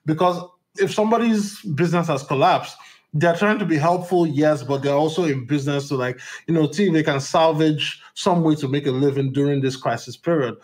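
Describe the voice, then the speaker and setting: A man's voice: fairly high pitch, brisk, darkish tone. A man hosting a business podcast, asking questions in a conversational way with fillers like um and you know. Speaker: podcast host.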